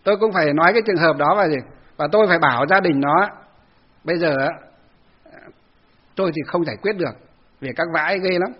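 A Buddhist monk tells a story in a lively dharma talk and acts out the voices of other people. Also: male voice, fairly high pitch, fast talker, pauses often, breathy edge. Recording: dull lo-fi recording.

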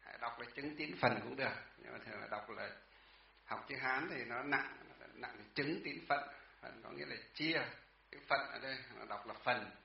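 A man's voice: mid-range voice, normal speed, gravelly. A man teaching a class about Chinese characters, patient and repetitive, often asking the class questions. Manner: patient, repeats words, asks the class questions. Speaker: Buddhist teacher. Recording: echoey, distant, dull room sound.

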